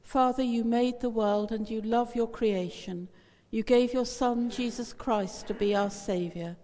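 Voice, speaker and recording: A woman's voice: on the high side, steady tone, warm tone. Woman priest in long cathedral echo. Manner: measured, solemn intoning. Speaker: priest leading communion. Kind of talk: reciting a liturgical prayer. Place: large church. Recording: cavernous church reverb, distant.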